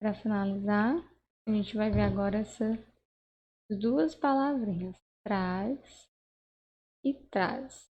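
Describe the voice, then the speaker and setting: A woman's voice: medium pitch, fairly even intonation, slow, long pauses, highs cut off, slight background noise. A woman teaching a grammar lesson, explaining patiently step by step and checking in with the listener. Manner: patient, explains step by step with frequent tag questions. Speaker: Portuguese teacher.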